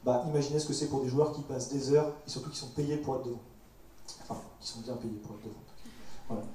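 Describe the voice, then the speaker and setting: A man's voice: mid-range voice, quick pace, warm tone, slight background noise. A man in his twenties from Paris, a startup founder telling his story on a panel in a chatty, joking way. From Paris, France. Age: 20s. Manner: chatty storyteller with light jokes. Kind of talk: casual panel talk. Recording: roomy hall mic from far off.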